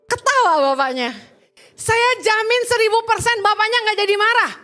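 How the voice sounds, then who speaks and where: Very high-voiced joking woman pastor. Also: normal speed. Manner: lively, joking, quizzes the congregation; slips in English phrases. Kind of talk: sermon. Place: church.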